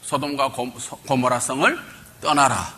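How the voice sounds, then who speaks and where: A male pastor giving a Bible lecture, quizzing his congregation and calling for answers, swinging between loud bursts and quiet asides. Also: mid-range voice, fairly even intonation, measured pace. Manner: quizzes the congregation, call and response.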